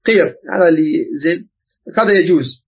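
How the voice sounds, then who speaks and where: Iraqi guy teaching islamic law, kinda husky, slightly high, dull lo-fi audio. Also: brisk. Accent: Iraqi Arabic. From Iraq. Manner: explanatory, checks understanding often. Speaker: religious teacher. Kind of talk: Islamic jurisprudence lesson.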